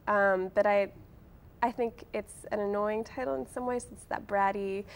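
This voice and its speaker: A woman in her late twenties, a guest who is an author and blogger, talks casually in an interview. Her medium-pitched voice stays steady at a normal speed, and she comes across as wry, self-deprecating, and chatty.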